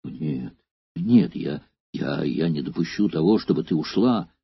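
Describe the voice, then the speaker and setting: A man's voice: extremely low pitch, expressive, unhurried, gravelly, husky, no room sound, voice pushed down, full character voice. A man voicing a huge, hot-tempered Germanic warrior who begs his beloved's forgiveness, in an audiobook reading. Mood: imploring. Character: remorseful giant Germanic warrior, hot-tempered but loving. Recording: dull lo-fi dry recording.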